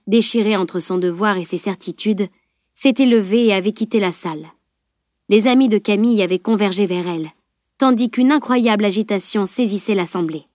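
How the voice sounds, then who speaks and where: A woman reading a fantasy novel aloud in a steady, measured storytelling voice. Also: medium pitch, no echo, studio quality. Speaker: audiobook narrator. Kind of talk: scripted audiobook narration.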